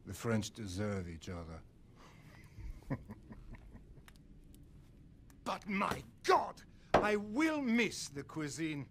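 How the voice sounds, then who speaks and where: A gloating German officer. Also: male voice, fairly high pitch, very animated, extremely slow, pauses often, background noise, heavily acted. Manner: silky, mocking, relishing menace. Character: cruel sly German officer, middle-aged man.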